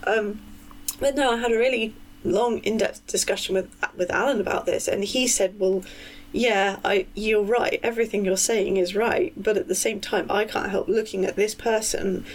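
A woman's voice: medium pitch, a little hiss or hum, rough recording. A woman co-hosting a podcast, chatting casually about books and writing, given to ranting with lots of fillers. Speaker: podcast co-host.

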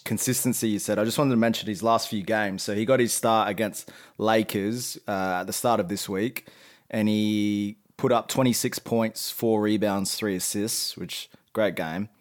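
A man's voice: lowish voice, fairly even intonation, normal speed. A man co-hosting a casual sports podcast, speaking with many ums and rattling off game stats. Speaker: podcast co-host.

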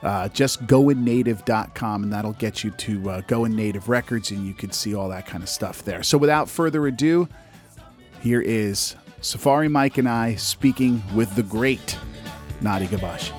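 A man hosting a podcast in a casual, rambling and halting way as he introduces an interview. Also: fairly low pitch, faint music behind. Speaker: podcast host.

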